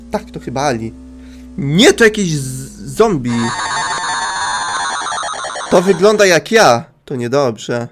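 Playful male gamer doing commentary for his viewers, pitch on the high side. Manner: playful, addresses viewers, swears casually. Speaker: gaming YouTuber. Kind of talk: let's play commentary.

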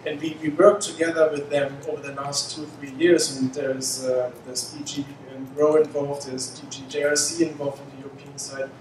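Man, 40s, panel talk, halting, fillers, handheld mic, noisy echoey hall. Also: fairly high pitch, little pitch movement, far from the mic. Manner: halting, many fillers and restarts. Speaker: panelist, mission scientist. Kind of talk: conference panel remarks. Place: conference room, indoors.

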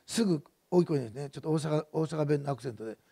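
A man's voice: on the high side, very fast, gravelly, warm tone, husky. A middle-aged male pastor preaching a sermon in a conversational, digressive way, with many fillers and personal stories.

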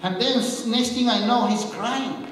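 A man's voice: very high-pitched, measured pace, fairly bright tone. A man preaching a sermon in a church and telling stories with earnest feeling. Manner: earnest storytelling, quotes the speech of others. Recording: echoey hall from far off.

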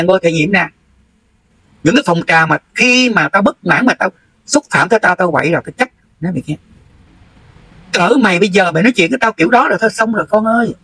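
A high-voiced, middle-aged man with a Southern Vietnamese accent, holding forth in a scolding, confrontational livestream rant. His voice is husky and a little rough at the edges. He presses each point bluntly, as if lecturing someone directly in front of him. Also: pushed and bright, rough recording. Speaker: livestream host.

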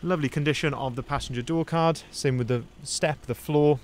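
Speaking a little high, fairly quick, and slightly mellow, a young man who sells vans gives an upbeat walkaround of one on an outdoor dealership lot. He points out its good points and flaws like an eager salesman, recording first-person on a handheld phone.

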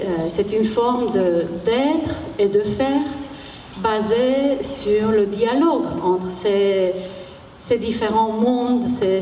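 A middle-aged woman speaking on a panel in halting, measured phrases. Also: mid-range voice, dark tone. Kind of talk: unscripted panel talk. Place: large warehouse hall with seated audience. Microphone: handheld microphone. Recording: echoey hall, distant, background noise.

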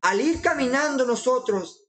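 A man preaching informally in an earnest, exhorting way, often halting and restarting his sentences. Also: extremely high pitch, animated, a bit bright, low-quality recording.

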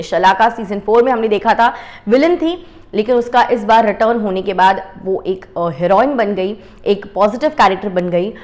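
A young woman hosts an entertainment news bulletin in a chatty, conversational way. She keeps dropping English phrases into her talk. Her pitch sits right in the middle for a woman. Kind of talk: scripted entertainment news narration.

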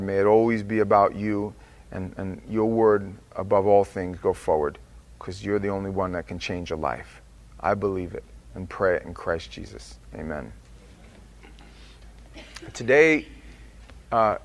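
A pastor delivers a sermon in a medium-pitched male voice, growing quiet and slow when he prays and loud and emphatic when he warns.

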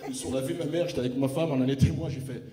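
A man with a street accent from Lyon performing stand-up, telling a story and acting out the people in it, sometimes shouting the punchlines. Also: mid-range voice, rapid-fire, far from the mic, a crowd in the background. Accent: Lyon street French. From France. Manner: animated, acts out characters, shouts punchlines. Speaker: stand-up comedian. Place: large theatre stage with live audience. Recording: roomy hall, mic heard from afar, audience.

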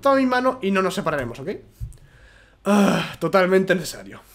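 A man's voice: high voice, very animated, normal speed, a bit bright, soft background music, full character voice. A man voicing a caring, bossy young female puppet character from a video game.

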